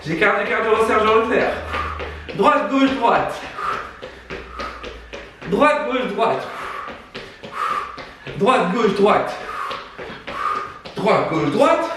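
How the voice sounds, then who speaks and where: A man leads a home workout class, calling out moves and counts in brisk instructions while out of breath. His voice sits high, and he is recorded from a distance in a very echoey room with faint noise underneath. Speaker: fitness coach. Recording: echoey room, far from the mic.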